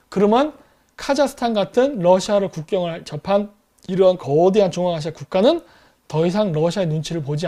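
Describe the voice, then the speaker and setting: Male commentator, high-pitched, animated casual talk on politics. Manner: animated, acts out countries as quarrelling people.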